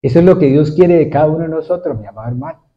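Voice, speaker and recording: A male pastor preaching a sermon to a congregation, repeatedly asking them questions in a steady, repetitive cadence. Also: a little high, rapid-fire. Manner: asks the congregation frequent questions. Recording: dull lo-fi recording. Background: seated congregation.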